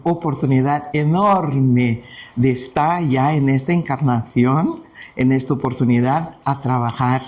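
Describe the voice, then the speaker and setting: This spiritist study presenter is a Brazilian man whose native tongue is Portuguese; he talks in Spanish with a Brazilian Portuguese accent at a medium pitch. Leading a devotional session, he recounts a story calmly and slowly, with frequent pauses.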